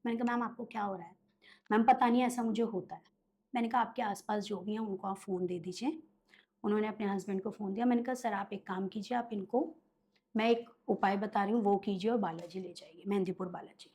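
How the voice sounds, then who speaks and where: A woman's voice: medium pitch, fairly even intonation, quick pace, darkish tone. A woman guest telling stories in a conversational interview, animatedly acting out her clients' voices in quotes. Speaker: guest, occult healer.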